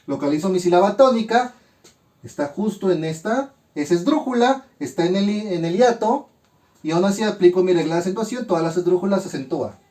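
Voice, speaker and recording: A man teaching a grammar lesson, methodically walking through examples and sounding out syllables slowly. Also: sits high, animated, warm tone.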